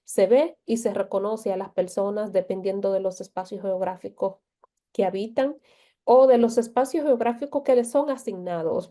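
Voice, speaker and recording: A woman from the Republic, speaking as a guest in a reflective panel conversation, with frequent pauses and restarts. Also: mid-range voice, mellow. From Dominican Republic. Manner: slow, thoughtful, frequent hesitations and restarts.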